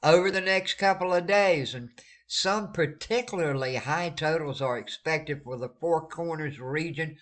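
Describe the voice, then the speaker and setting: Speaking at a measured pace, this man has a somewhat high, slightly bright voice and a stuffed-up nose. He's an eastern North Carolina weather vlogger walking through maps in a friendly, casual way, repeating words for emphasis and urging people to stay safe.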